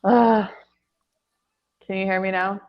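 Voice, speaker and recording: A woman's voice: medium pitch, fairly even intonation, slow. A woman chatting casually over an online call while her voice breaks up on a bad internet connection. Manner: laid-back, chatty. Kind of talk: casual chat. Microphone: earbuds on a call. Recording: dull lo-fi call audio.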